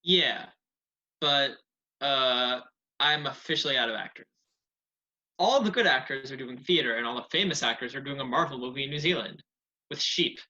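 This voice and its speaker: A man plays a relaxed, scheming casting assistant with a bright voice and an offhand, chatty manner. His voice comes over a dull, lo-fi video call in an amateur comedy sketch. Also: medium pitch, normal speed, long pauses. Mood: breezy. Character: laid-back, scheming male casting assistant.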